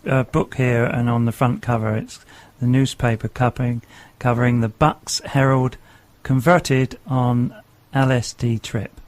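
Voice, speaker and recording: A man hosting a radio interview, prompting his guest in a halting, gentle way. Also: mid-range voice, steady tone, dry recording. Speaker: radio host.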